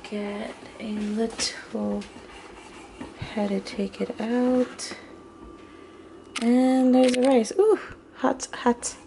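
A woman's voice: on the high side, little pitch movement, drawn-out words, vocal fry, pauses often, warm tone, slight background noise. A woman talking casually through her meal prep in a home kitchen, chatty and a little hesitant, often correcting herself. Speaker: vlogger.

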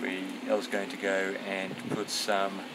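A man's voice: deep voice, monotone, unhurried, heavy background noise. A man in his forties on a sailboat deck, explaining a maintenance job in a matter-of-fact way. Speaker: sailing vlogger. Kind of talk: casual vlog narration.

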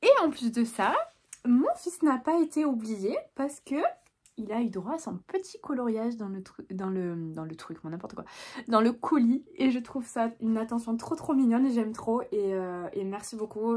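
A woman's voice: a little high, darkish tone. A young woman chatting casually about her book purchases, hesitant and full of fillers. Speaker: book vlogger. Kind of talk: casual book haul chat.

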